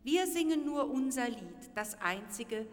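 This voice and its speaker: A woman voicing aloof, chiming hyacinth flowers in a storybook reading, quick and sing-song. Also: on the high side, expressive, pitched above the performer's own voice. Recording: reverberant with violin music behind.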